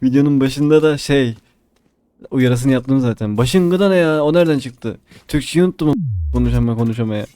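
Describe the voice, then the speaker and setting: A man's voice: mid-range voice, brisk, mellow, clear, resonant tone, no echo. A man putting on a drunken town-drunk manner, muddled and rambling as he chats during an online game. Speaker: host of a comedy gaming video.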